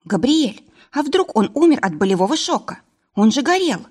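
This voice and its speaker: A woman narrating an audiobook takes on the role of a jumpy, panic-prone young woman given to shrill, frantic outbursts. Her voice is husky, her pace normal, and the feeling is anxious.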